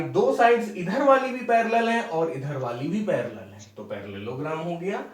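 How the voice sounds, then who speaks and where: A young adult man with a high voice teaches maths at a board, walking through each step and often asking "ठीक है?" to check on his students. The mic sits far from him in an echoey room.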